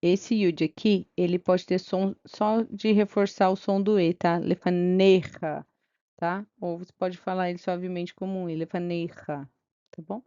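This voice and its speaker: A woman's voice: fairly low pitch, little pitch movement, moderate pace, hardly any pauses, warm tone, smooth, no room sound, lo-fi sound. A woman teaching Hebrew reading, sounding out syllables one by one and checking in with her students. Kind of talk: slow reading lesson, syllable by syllable.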